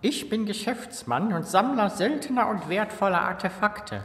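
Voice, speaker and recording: A man's voice: high-pitched, animated, normal speed, a bit bright, in a large hall. A man playing a greedy, smug villainous major in a fan film, mock-polite and theatrical. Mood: greedy, boastful. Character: smug, greedy male rival treasure hunter, villainous major. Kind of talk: amateur film dub acting.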